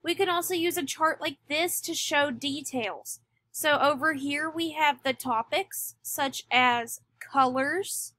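A woman teacher giving a recorded lesson, speaking deliberately and stressing key words. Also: high-pitched, a bit bright. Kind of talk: recorded classroom lecture.

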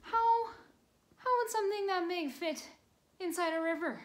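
A woman in her twenties giving a children's sermon from her bedroom, telling a story gently to kids with playful emphasis, recorded on a phone camera. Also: extremely high pitch, normal speed, poor audio. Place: small bedroom at home.

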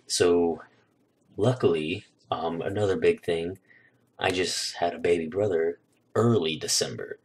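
Young guy vlogging, really low voice, rambly storytelling w lots of ums. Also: slight background noise. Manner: relaxed, rambling, filler-heavy. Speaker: YouTuber. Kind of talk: casual storytelling vlog. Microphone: new desk microphone.

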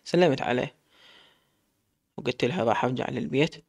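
A man's voice: medium pitch, fairly quick, vocal fry. A man with an Iraqi accent narrating a story in the first person, from a woman's viewpoint. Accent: Iraqi Arabic.

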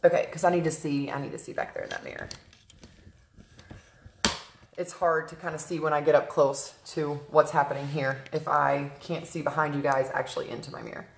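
Early in the morning in a room at home, a makeup artist livestreams a casual tutorial from a tablet camera on a stand, chatting with viewers and greeting them by name mid-sentence. Her low, creaky voice moves fairly quickly with fairly even intonation and frequent "um" fillers. The audio has a roomy echo and a little hiss or hum.

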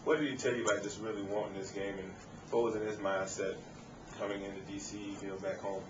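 A man's voice: lowish voice, flat delivery, fast talker. A man, a reporter, asking long questions at a press conference, with many fillers. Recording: muffled, far off, echoey, crowd noise.

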